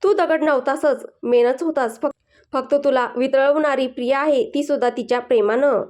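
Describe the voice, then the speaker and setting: A woman's voice: high-pitched, moderate pace, a little mellow, natural voice. A woman doing a teasing male friend. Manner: teasing, chatty. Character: young man, friend and colleague, teasing. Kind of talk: storybook dialogue reading.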